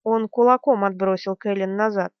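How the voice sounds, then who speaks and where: A woman's voice: mid-range voice, steady tone, normal speed, dry recording. Woman narrating a tense fantasy audiobook. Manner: tense, vivid storytelling. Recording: dry, dull lo-fi recording.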